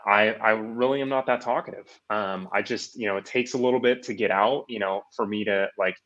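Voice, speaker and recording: A man's voice: lowish voice, steady tone, brisk, a bit bright. A man hosting a podcast, talking in a rambling, hesitant way with many filler words. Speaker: podcast host. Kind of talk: casual interview chat. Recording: dull lo-fi audio.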